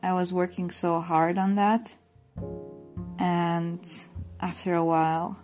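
Slow, gentle woman over faint music. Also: lowish voice, little pitch movement. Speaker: podcast guest.

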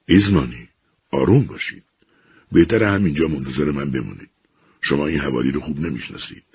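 A man voicing a calm, firm scientist who speaks in a measured, soothing way. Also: a bass voice, slightly rough, dry recording, heavily acted.

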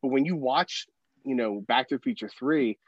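A man's voice: medium pitch, moderate pace, breathy edge, dry recording. A man chatting casually about films, rambling with many restarts and fillers. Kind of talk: casual film discussion. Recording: dull lo-fi dry sound.

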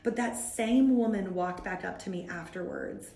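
A woman guest in a conversation, telling a story in an animated, self-mocking way and laughing often. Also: fairly low pitch, moderate pace, gravelly, roomy sound. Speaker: guest speaker from a women's ministry.

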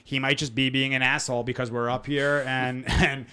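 A man's voice: mid-range voice, flat delivery, normal speed, sharp tone, clear, resonant tone. A man hosting a live dog-training Q&A podcast, talking frankly in a rambling, self-interrupting way. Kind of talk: casual live Q&A chat.

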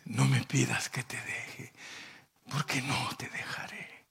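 A man voicing a devoted young woman in whispered role-play, making a hushed, tender vow. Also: mid-range voice, takes it slowly, vocal fry, breathy edge, pitched above the performer's own voice, exaggerated voice.

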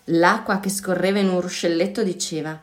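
A woman reads a children's story aloud in a warmly paced, expressive voice. Her delivery is playful, leaning into the rhythm of the words. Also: on the low side, brisk.

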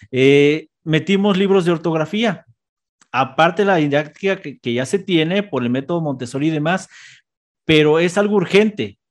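A man, a schoolteacher hosting a live stream, chatting casually and reading out viewers' greetings. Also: on the high side. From Mexico. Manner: friendly, reads out viewer greetings. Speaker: teacher at a school.

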